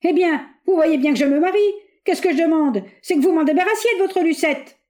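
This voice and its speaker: A woman voicing a flustered young man who shouts and pleads in a high, strained voice. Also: big pitch swings, moderate pace. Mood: indignant shouting. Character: flustered young male suitor caught out.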